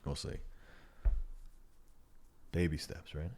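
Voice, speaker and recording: Casual podcast co-host, a man with a very deep voice, easygoing and rambling. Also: slow, vocal fry, husky. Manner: relaxed storytelling with restarts. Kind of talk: casual chat.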